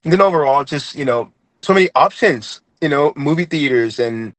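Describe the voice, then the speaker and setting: A young guest from Trinidad speaks in an animated, somewhat high and slightly bright voice at normal speed. Lightly accented, he reflects earnestly on his own story in an interview, often using fillers and restarting. The audio has no echo but is rough.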